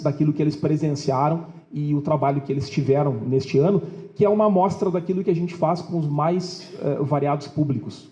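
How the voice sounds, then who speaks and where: A man speaking as a police officer at a public event, giving a measured, formal speech with official phrasing and occasional pauses. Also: on the high side, mellow.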